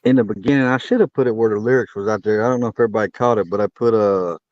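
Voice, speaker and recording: A man's voice: on the low side, rapid-fire, darkish tone, dry recording, highs cut off. A man co-hosting a casual livestream, blunt and often chuckling. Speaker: livestream co-host. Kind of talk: casual chat.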